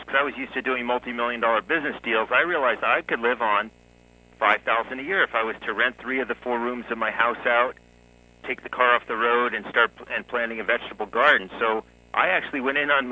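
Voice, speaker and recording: A man in his forties, a guest author, telling his life story in a relaxed interview, often chuckling. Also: mid-range voice, brisk, low-quality recording. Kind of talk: conversational interview.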